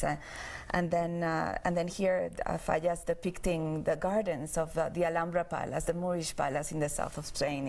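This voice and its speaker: Creaky, hesitant pianist from Venezuela. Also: female voice, fairly low pitch, a little mellow. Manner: hesitant, repeats words. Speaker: concert pianist. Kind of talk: interview guest. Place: TV studio.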